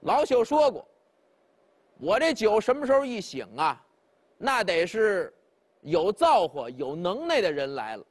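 Casting: a man doing a tipsy, aloof old recluse for a traditional storytelling, drawling and mock-humble, high husky voice. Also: sing-song, measured pace, exaggerated voice. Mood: wry, aloof. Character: old drunken male hermit, aloof and wry.

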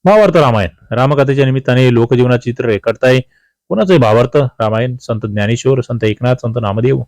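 A male coaching teacher with a mid-pitched, slightly mellow voice talks fast and animatedly through exam questions, posing each one to the learner before giving the answer himself. The didactic delivery is recorded dry, with no room sound.

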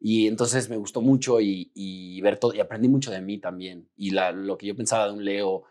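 A man in his thirties with a Mexican accent, talking casually as an interview guest and acting out his own thoughts in a lively, slangy way. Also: fairly low pitch, a little fast. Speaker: actor and guest.

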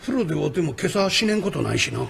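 A man's voice: on the high side, big pitch swings, fast, gravelly, noisy background, voice pushed down, full character voice. A man voicing a chirpy, fawning male jester entertainer who chatters effusively in Osaka dialect. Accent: Kamigata Osaka dialect.

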